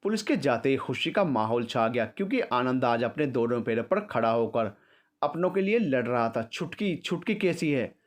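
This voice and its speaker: Male storyteller, mid-pitched, measured dramatic narration. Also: sing-song.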